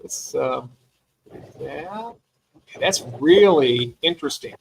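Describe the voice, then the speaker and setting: A man's voice: fairly high pitch, very animated, slow pace, vocal fry, a little hiss or hum, poor audio. A man hosting a casual livestream chat, enthusiastic and talkative, often trailing off mid-thought. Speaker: livestream host.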